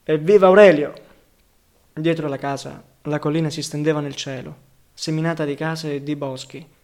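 A male narrator reading a novel aloud in a calm, measured way. His voice sits fairly high for a man, and he keeps his delivery quiet and steady.

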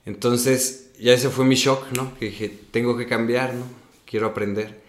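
A man's voice: mid-range voice, a little slow. Storytelling Mexican man, echoey room. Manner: animated storyteller, tags sentences with "¿no?". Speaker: actor telling his story. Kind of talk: casual conversational interview.

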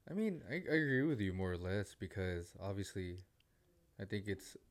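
Young man, very low voice, relaxed casual talk, swears often. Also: moderate pace. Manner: loose, swears freely. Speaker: co-host. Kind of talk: casual chat.

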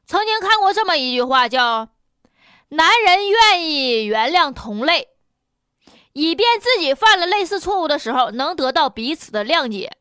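High, bright-voiced woman with Northeastern Chinese accent. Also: very animated, moderate pace, no echo, clean studio sound. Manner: chatty, sardonic, folksy. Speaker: radio show host. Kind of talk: colloquial comic news commentary.

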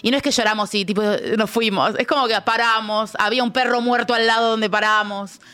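High bright-voiced Argentine woman ranting. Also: fairly even intonation, brisk, smooth. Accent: Argentine Rioplatense Spanish. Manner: angry, vulgar ranting storytelling. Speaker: radio co-host. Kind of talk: casual radio chat. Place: radio studio.

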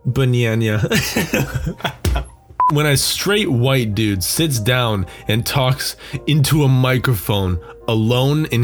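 Slow-talking rambling male comedian. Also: medium pitch. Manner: rambling, self-amused, laughs at own jokes.

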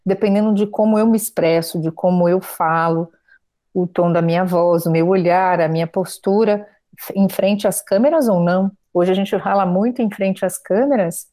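A woman hosting a conversation about communication, speaking in a measured, explanatory way and asking follow-up questions. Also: mid-range voice, dark tone. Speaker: host, speech therapist. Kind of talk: conversational interview.

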